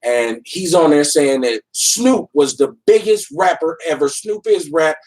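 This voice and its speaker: A man's voice: on the high side, lively intonation, measured pace, a little mellow. A man hosting a podcast, talking in a rambling, enthusiastic way and searching for names as he goes. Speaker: podcast host. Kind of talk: casual podcast chat. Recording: voice a bit far from the mic.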